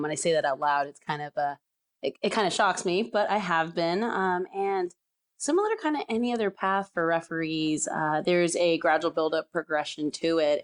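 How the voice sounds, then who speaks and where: Guest spot: woman in her 30s, low-pitched, chatty and laughing, lots of fillers. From San Diego, California. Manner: chatty, laughs often, many fillers and restarts. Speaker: soccer referee guest. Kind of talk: casual podcast interview.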